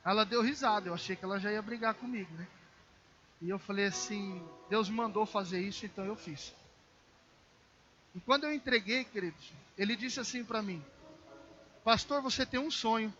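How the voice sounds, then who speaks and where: A male pastor with a Brazilian Portuguese accent preaching a sermon, telling a personal story with acted dialogue and addressing the congregation warmly as dear ones. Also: high voice, normal speed, highs cut off, slight background noise. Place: church service.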